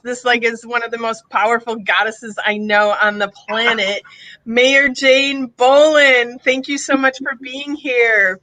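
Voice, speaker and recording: A woman's voice: fairly high pitch, bright, forceful tone, no room sound, rough recording. A woman hosting a live podcast, enthusiastic and chatty, with lots of "like" fillers. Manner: enthusiastic, filler-heavy, says "like" often. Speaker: podcast host.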